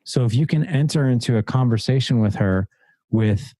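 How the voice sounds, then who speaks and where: A man's voice: medium pitch, moderate pace, warm tone, no echo. A middle-aged man, a coach and podcast guest, talking earnestly and repeating his key points. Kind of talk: conversational podcast interview.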